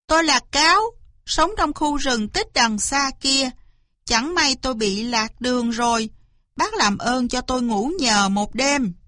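A woman's voice: unhurried, pushed and bright, no room sound, clean studio sound. A woman voicing a sly, boastful male fox who whines and wails, in a storybook reading. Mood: wheedling. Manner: wheedling, wailing, shrill.

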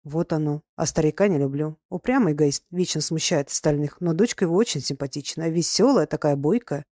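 Vasily Nikolaevich, a woman reading as a fussy country gentleman. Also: low-pitched, a little fast, no echo. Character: anxious, fussy middle-aged country gentleman.

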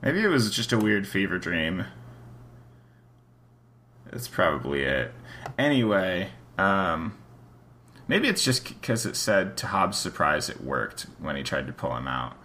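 A man's voice: deep voice, big pitch swings, unhurried, pauses often, sharp tone, a little hiss or hum. A man co-hosting a casual chat, reading a story aloud and talking it over in a rambling, self-questioning way.

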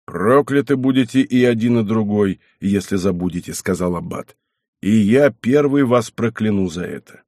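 A man reading an audiobook, voicing a hot-tempered, domineering old abbot who blusters and shouts. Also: lowish voice, no room sound, clean studio sound. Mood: stern. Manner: blustering, shouting, quick to anger.

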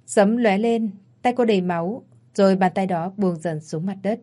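A woman narrating a dramatic story in a steady storytelling voice. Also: mid-range voice, normal speed.

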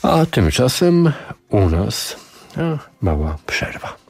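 A man reading a story aloud on the radio in a slow, expressive storytelling manner. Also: mid-range voice, gravelly, slightly rough, no room sound, faint music behind. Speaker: radio reader. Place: radio studio.

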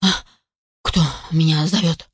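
Woman doing a croaky old grandfather grouse. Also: low-pitched, fairly even intonation, unhurried, dry recording, studio quality, pitched below the performer's own voice. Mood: kindly. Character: kindly old male grouse, hard of hearing.

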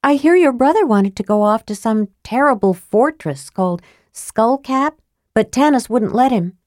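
A fiery young red-haired woman, quick to anger and close to tears, her voice climbing high and sharp as she accuses, read by a woman narrator. Her pleas ring clearly in a close, dry recording with no room sound. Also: expressive, no echo, lightly acted. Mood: eager. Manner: pleading, accusing, raised voice.

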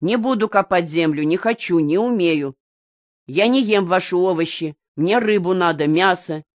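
A woman's voice: fairly low pitch, moderate pace, no room sound, lightly acted. A woman reading an audiobook voices a stubborn male hunter who insists defiantly on his way of life.

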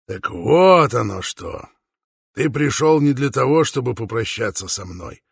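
Narrator's hearty teasing young farmer, near-natural voice. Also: male voice, medium pitch, lively intonation, unhurried, vocal fry, husky, dry recording, clean studio sound, heavily acted.

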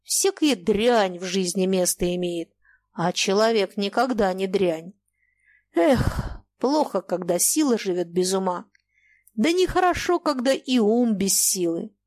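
A woman voicing a cantankerous old merchant who lectures sarcastically and turns shrill when angry. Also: animated, unhurried, a little mellow, natural voice. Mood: scornful lecturing. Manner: scolding, sarcastic, turning shrill when enraged. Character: cantankerous old merchant man, sly, quick to rage.

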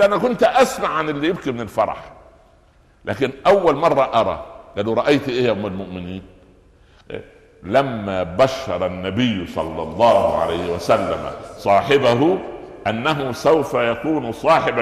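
Egyptian guy preaching, lots of storytelling and asking the crowd questions, big echoey hall. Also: fairly low pitch. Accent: Egyptian Arabic. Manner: lively storytelling with rhetorical questions to the audience. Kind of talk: sermon explaining Quran commentary. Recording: echoey hall with long reverb.

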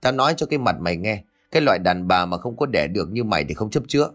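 A man voicing a shrill scolding old mother-in-law. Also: lively intonation, a little fast, fairly bright tone.

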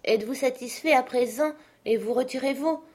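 A woman's voice: high voice, moderate pace, darkish tone, pitched above the performer's own voice. A woman voicing a man, an earnest country doctor, who speaks in an urgent, coaxing way.

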